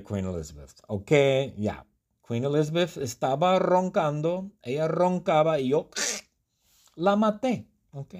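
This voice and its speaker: A bumbling, easily indignant storybook fellow, played by a man telling his own tale. His delivery is unhurried and swoops up and down in pitch. His tone is mellow and slightly husky. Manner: first-person storytelling, exaggerated indignation.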